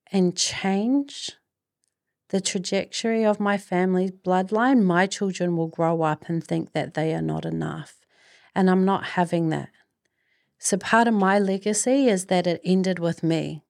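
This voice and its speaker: Measured woman, podcast host. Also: lowish voice, creaky, a little mellow, no echo, clean studio sound. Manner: earnest, reflective, deliberate phrasing. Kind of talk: motivational podcast monologue.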